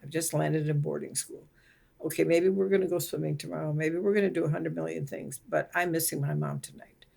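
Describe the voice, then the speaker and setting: A woman author speaking as a guest in a podcast interview, explaining her ideas in a reflective, measured way. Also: low-pitched, fairly even intonation, gravelly, a little mellow, husky. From Nigeria. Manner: reflective, explanatory, occasional restarts. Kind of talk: conversational interview.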